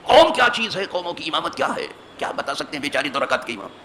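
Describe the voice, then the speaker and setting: An imam, speaking from a mosque pulpit, gives a hadith sermon in a very animated man's voice on the high side; a bit of background noise is present. He is emphatic, leans on rhetorical questions, and peaks forcefully.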